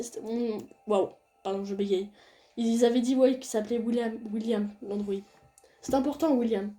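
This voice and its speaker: A young woman reading a visual novel aloud and chatting casually about the game as she plays. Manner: reads game dialogue in a soft low voice, chats loudly and excitedly between scenes. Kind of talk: casual let's-play commentary.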